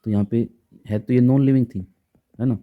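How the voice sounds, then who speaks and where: A man's voice: medium pitch, fairly even intonation, a little fast, narrow, tinny audio. A man teaching a grammar lesson in a patient way, often stopping to check in with his students. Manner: patient, repeats rules with frequent check-ins.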